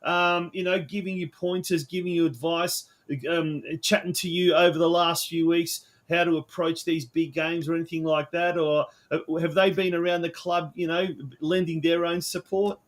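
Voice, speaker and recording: A man hosts a football talk show, putting long, chatty questions to his guest. His voice sits a little higher than most men's. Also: level tone, moderate pace, hardly any pauses. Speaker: host. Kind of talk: hosting a sports talk show.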